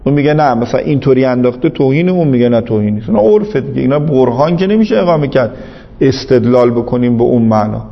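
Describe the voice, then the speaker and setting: A man's voice: mid-range voice, lively intonation, creaky, big-room sound, lo-fi sound. A man teaching Islamic jurisprudence in a seminary lecture, arguing his point patiently and repeating it with emphasis.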